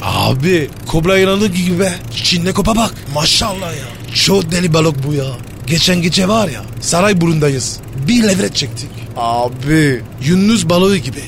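An actor playing a cheeky young street hustler in a comic radio play, wheedling in slangy talk. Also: male voice, lively intonation, normal speed, vocal fry, few pauses. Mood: excited. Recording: noisy background with rumble.

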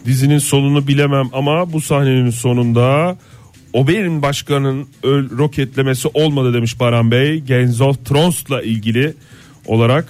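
A man's voice: medium pitch, steady tone, moderate pace, darkish tone, faint music behind. A man co-hosting a radio show, reading listener messages with mock-formal humor.

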